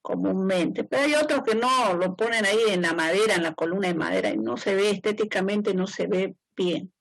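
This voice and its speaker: A woman's voice: mid-range voice, a little fast, creaky, no echo, poor audio. A woman teaching a class as an engineer. She explains informally, repeats her points and keeps checking in with her students. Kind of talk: classroom lecture.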